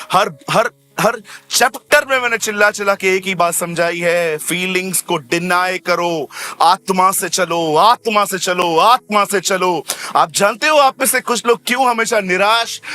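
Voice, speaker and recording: Bright, high-voiced preacher man. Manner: animated, acts out little scenes with humor; repeats phrases for emphasis. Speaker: pastor. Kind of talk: sermon.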